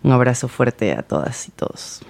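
Man singer-songwriter, heartfelt, pausing, gravelly dark voice. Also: medium pitch, big pitch swings, slight background noise. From Peru. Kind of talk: radio guest talk.

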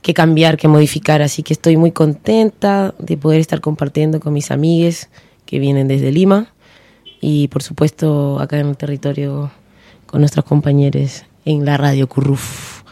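A woman from Peru introducing herself on the radio in a lively, friendly way. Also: low-pitched, normal speed, no room sound. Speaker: radio guest.

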